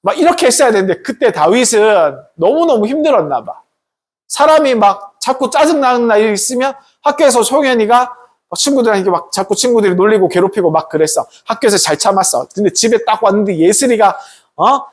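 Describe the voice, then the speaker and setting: Animated pastor preaching to teens. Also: mid-range voice, fairly quick. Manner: animated, asks the kids questions often, tag questions. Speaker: pastor preaching to a youth group. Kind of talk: lively youth sermon storytelling.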